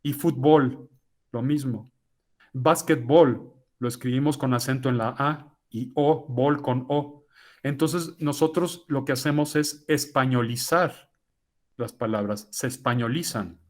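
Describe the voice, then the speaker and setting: A man giving a lecture to teachers, explaining points in a measured way and often tagging sentences with "¿no?". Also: mid-range voice. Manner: measured and explanatory, with frequent "¿no?" tags. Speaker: guest lecturer speaking to teachers. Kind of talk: lecture answering a question.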